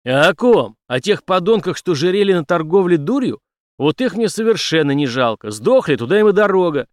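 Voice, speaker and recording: A hot-tempered male space veteran, read by a man in an audiobook, barking his words loud and blunt. His voice rides a little above his usual narrating pitch, full of scorn. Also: expressive, moderate pace, no echo, studio quality. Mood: angry scornful.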